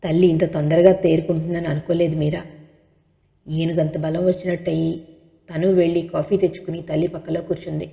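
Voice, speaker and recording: A woman reading a novel aloud as an audiobook narrator, in steady expressive storytelling, with a long hall reverb. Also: deep voice, fairly quick, vocal fry.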